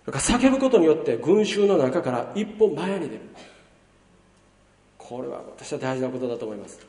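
Animated man preaching in a hall. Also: a little high, moderate pace. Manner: lively preaching, swinging between loud emphasis and hushed asides. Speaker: pastor. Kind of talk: sermon. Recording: roomy hall reverb from far off.

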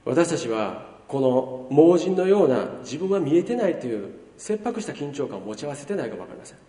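A man preaching a sermon as a pastor, lively, swinging between loud emphasis and hushed asides. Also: on the high side, a little fast. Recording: roomy hall reverb from far off.

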